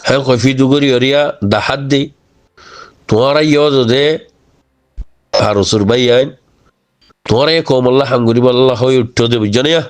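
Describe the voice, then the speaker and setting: A man's voice: mid-range voice, steady tone, moderate pace, long pauses. Rohingya-accented man making an informal, exhorting address. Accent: Rohingya, close to Chittagonian. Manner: exhorting, with repeated rhetorical check questions. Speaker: speaker addressing his community.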